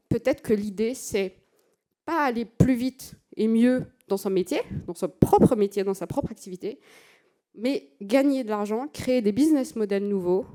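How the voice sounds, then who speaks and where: A woman's voice: mid-range voice, warm tone. A woman giving a conference talk, hesitant and full of fillers and restarts. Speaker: conference speaker. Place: conference stage.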